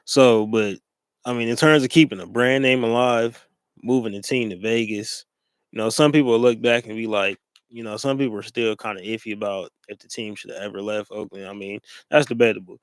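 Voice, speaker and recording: A man's voice: fairly low pitch, fairly even intonation, brisk, clean tone, dry recording. A man co-hosting a sports talk show, speaking casually and rambling with many fillers and restarts.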